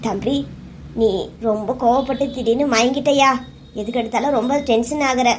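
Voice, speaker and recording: Woman playing a weary, tender mother, high-voiced. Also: fairly even intonation, moderate pace, slight background noise, lightly acted. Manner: soothing, tearful. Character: worried middle-aged mother, tender and weary. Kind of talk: cartoon serial dubbing.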